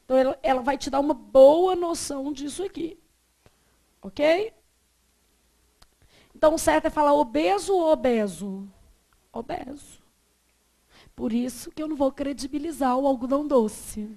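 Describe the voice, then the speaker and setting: A Brazilian woman with a high-pitched voice teaches a Portuguese class in a classroom lecture. She's lively, quizzing her students and then answering her own questions. She stretches words out slowly to model how they are pronounced.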